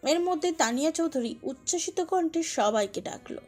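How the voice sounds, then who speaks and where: Woman storyteller, high voice, emotive scripted narration over soft music. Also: lively intonation, moderate pace. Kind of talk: dramatic scripted narration of a romantic audio story.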